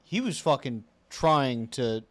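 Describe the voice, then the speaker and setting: A man co-hosting a relaxed casual chat. He backs up his friend with short affirmations. He offers his own opinions in a loose, conversational way. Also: medium pitch, slow. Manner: agreeable, chimes in with short affirmations. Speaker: podcast co-host.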